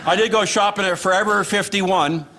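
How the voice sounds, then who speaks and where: A man with a high-pitched American voice performs stand-up in a sarcastic, dry lilt. He is recorded live on stage, with loud room noise around his voice. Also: fairly even intonation, moderate pace. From Los Angeles, United States. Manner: sarcastic, dry lilting delivery of punchlines. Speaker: stand-up comedian. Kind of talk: stand-up comedy routine. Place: live stage before a laughing audience. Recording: noisy live comedy club recording.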